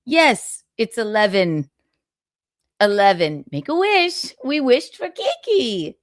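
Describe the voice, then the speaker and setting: A woman's voice: a little high, very animated, slow, no echo, clean studio sound. A woman hosting a casual gossip livestream, chatting in a sassy, theatrical, giggly way. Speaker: live stream host.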